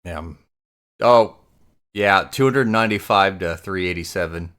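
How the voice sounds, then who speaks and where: A man's voice: deep voice, moderate pace, fairly bright tone. A man hosting a casual movie podcast, easygoing and steering the questions. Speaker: podcast host. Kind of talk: casual movie review chat.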